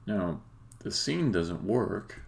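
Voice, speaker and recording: A game developer live-streams his coding, thinking aloud in casual, blunt, unscripted fragments that sometimes turn sweary. His low-pitched voice is expressive and gravelly, slow in pace, with faint background noise and keyboard clicks.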